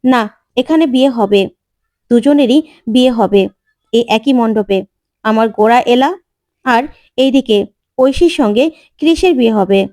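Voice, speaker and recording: A woman voicing an older patriarch father who speaks slowly and deliberately. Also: on the high side, a little mellow, no echo, studio quality, lightly acted. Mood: decisive. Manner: slow, deliberate.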